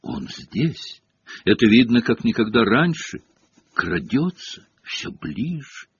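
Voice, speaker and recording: A man voicing a dreamy, eccentric older woman seer who teaches, speaking in a hushed, slow, mystical way. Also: fairly low pitch, big pitch swings, slightly rough, heavily acted. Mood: ominous whisper. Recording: dull lo-fi cassette audio.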